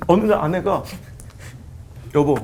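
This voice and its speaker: Middle-aged pastor guy from chungcheong, gravelly voice, jokes and laughs through his stories, a bit of hiss behind him. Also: sits high, a little fast. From Chungcheong region, South Korea. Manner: animated, laughing storytelling that acts out quoted lines. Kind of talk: sermon-style talk on a church show.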